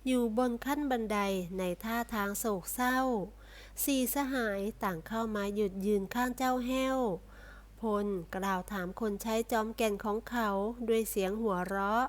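Fields: woman narrator. Style: read-aloud novel, steady. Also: fairly high pitch, moderate pace. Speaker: story reader.

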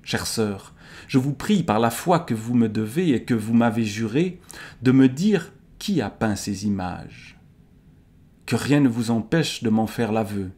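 A man with a Swiss French accent reading aloud the lines of a betrayed medieval king, grave and measured. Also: medium pitch, animated, darkish tone, natural voice. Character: wounded, suspicious medieval king, middle-aged man.

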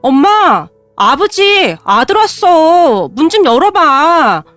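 A woman's voice: high-pitched, animated, normal speed, fairly bright tone, no echo, soft background music. A woman voicing a desperate husband who clings and begs in a whining tone, in a storybook narration. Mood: pleading. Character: pleading, begging husband in his thirties.

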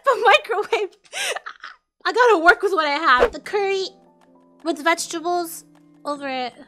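A woman's voice: very high-pitched, normal speed. A young woman chatting casually on a cooking livestream in a cute, girlish, giggly anime-streamer manner, speaking into a close mic. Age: young adult. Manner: giggly, expressive. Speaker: live streamer. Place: home kitchen, indoors. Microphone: close studio mic on a boom arm. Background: music.

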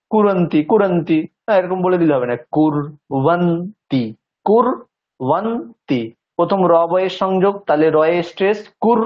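A man teaching a language lesson, explaining pronunciation patiently and stretching out words syllable by syllable to demonstrate them. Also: high voice. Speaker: Sanskrit teacher. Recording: dull lo-fi recording.

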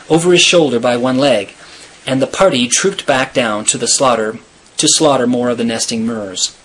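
A man reading a chapter of a novel aloud in a steady, measured storytelling manner. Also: medium pitch, slightly rough, poor audio. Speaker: reader.

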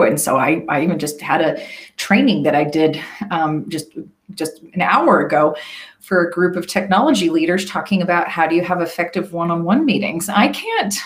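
A middle-aged woman coach talks straight to her viewers in a relaxed, motivational way. She is expressive and enthusiastic and keeps tagging her points with a quick "right?". Her voice sits a little on the low side. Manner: enthusiastic and expressive, often stops to ask "right?". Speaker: leadership coach and trainer. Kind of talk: casual motivational talk to camera.

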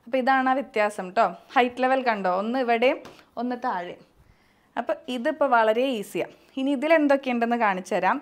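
Speaking briskly in a slightly high voice, a young mother gives a casual vlog tour of her nursery setup at home. She coos in sing-song to a crying baby, with the camera handled by someone else.

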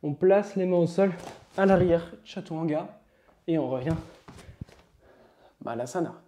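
Man, yoga teacher, upbeat and coaching, mellow tone, slightly high voice. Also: a little hiss or hum. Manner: upbeat, coaching, counts slowly while demonstrating. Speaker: yoga instructor. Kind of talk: instructional demonstration.

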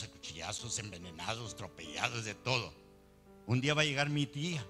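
A man, telling his faith testimony in a preaching style, animated and chuckling as he recounts. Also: a little high. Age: 60s. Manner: animated storytelling, chuckling asides. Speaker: church brother giving testimony.

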